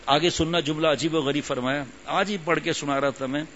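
An older man gives a religious talk in a relaxed, conversational way, circling back to repeat phrases for weight. His voice sits slightly high. The recording is dull and lo-fi, with a faint hum in the background. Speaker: religious teacher. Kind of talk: sermon.

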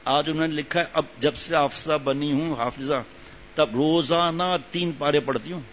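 Slightly high-voiced and relaxed, an older religious teacher gives a conversational sermon, repeating phrases to drive his points home. A faint hum runs under the dull, low-fidelity recording.

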